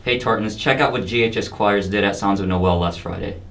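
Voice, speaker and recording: A man's voice: lowish voice, a little fast, creaky, fairly bright tone, recorded from a distance. A teenage boy anchoring scripted school announcements. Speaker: student anchor.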